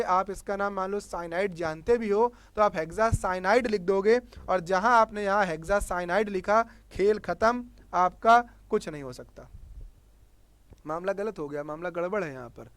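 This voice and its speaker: Man, Hindi accent, chemistry teacher, high smooth voice, dry sound. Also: normal speed, hardly any pauses, no echo. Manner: repeats key words as questions to the class. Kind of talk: board lesson for students.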